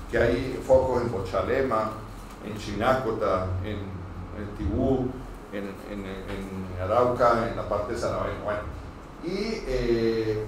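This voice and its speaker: In a very echoey room with a distant mic and plenty of noise, a medium-pitched man with a northeastern Colombian Spanish accent gives an informal lecture. He's a pulmonologist from Cúcuta teaching medical trainees as a group, hurried and digressive, with stammered false starts.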